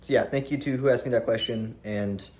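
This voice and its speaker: A young man around twenty vlogging to a camera on a tripod, animated and rambling, with swearing and restarts. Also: mid-range voice, a little fast. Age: young adult. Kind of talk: casual talk to camera.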